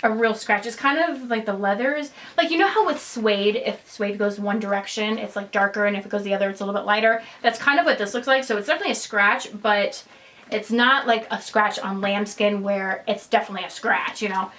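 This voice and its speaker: A young woman vlogger chatting casually and excitedly through an unboxing, rambling as she goes. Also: medium pitch, a little fast, poor audio. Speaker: fashion vlogger.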